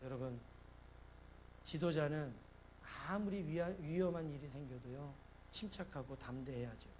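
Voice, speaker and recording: A middle-aged man preaching a sermon as a pastor, telling stories and acting out his panic in sudden loud bursts. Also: a little high, moderate pace, slight background noise. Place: church sanctuary.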